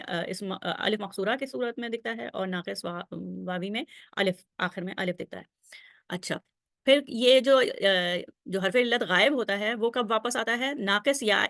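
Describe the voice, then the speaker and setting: A woman teacher with a fairly high voice talks over lesson slides, patiently chanting verb conjugations in steady rows. She pauses often to check that the listener is following. The sound is close and dry, with no room around it. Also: vocal fry, no echo. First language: Urdu. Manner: patient, drills conjugations aloud with frequent check-ins. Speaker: Arabic grammar teacher.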